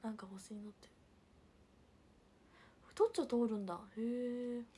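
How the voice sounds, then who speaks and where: A young woman livestreaming, chatting casually and reading viewer comments, with a hint of Hiroshima dialect and soft murmured asides. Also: medium pitch, normal speed, slight background noise. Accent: picking up Hiroshima dialect. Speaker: idol livestreamer.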